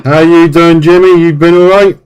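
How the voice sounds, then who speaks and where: Over constant sideband static and loud hiss, a slightly high-pitched English man talks at a moderate pace in a steady tone. He's running a CB radio net. The chat is casual, matey and colloquial.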